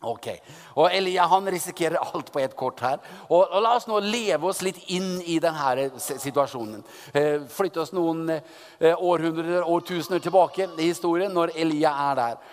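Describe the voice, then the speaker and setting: A man preaching a sermon, retelling a Bible story in a lively, teasing way with many restarts. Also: a little high, big-room sound.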